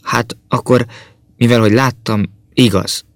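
A man voicing a stubborn, honest young boy who talks haltingly in an audiobook. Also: mid-range voice, steady tone, no echo, lightly acted. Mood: hesitant. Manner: hesitant, pleading.

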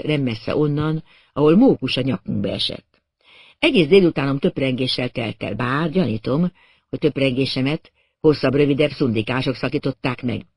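A man narrating a first-person detective story in an expressive, wry audiobook reading. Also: on the high side, vocal fry, breathy edge, no echo.

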